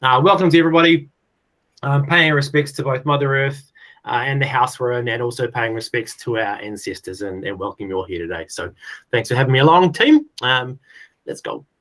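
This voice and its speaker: A man's voice: mid-range voice, fairly quick, a bit bright, low-quality recording. A man with a New Zealand accent, co-presenting casually on a video call and using Maori greetings. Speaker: webinar co-presenter.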